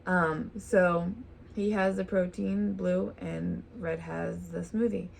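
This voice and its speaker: A woman's voice: fairly low pitch, fairly even intonation, takes it slowly, creaky, a little hiss or hum. A woman hosting a vlog, chatting casually while eating a meal at home. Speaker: vlog host. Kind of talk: casual chat over a meal.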